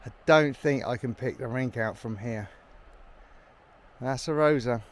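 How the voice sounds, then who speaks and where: A man walks a mountain trail with a handheld camera, chatting to it in a casual running commentary. He's a little winded, and his mid-range voice keeps a measured pace.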